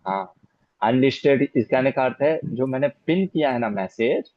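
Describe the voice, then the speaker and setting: A man's voice: mid-range voice, lively intonation, normal speed, no room sound. Guy teaching a scripture class, patient, explains stuff, dull dry online audio. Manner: patient, explanatory, repeats key points with rhetorical "है ना?". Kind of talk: Q&A after a scripture lecture.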